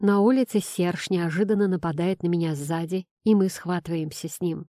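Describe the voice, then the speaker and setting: A woman reading a first-person novel aloud, in a steady, measured way. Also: lowish voice, no echo, clean studio sound. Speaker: audiobook reader. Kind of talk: first-person audiobook narration.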